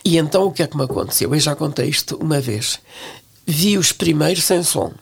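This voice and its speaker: Older woman guest, European Portuguese accent, husky and hesitant, thinks aloud. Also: low-pitched, expressive, brisk. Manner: reflective, frequent hesitations and restarts. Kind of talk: relaxed interview conversation.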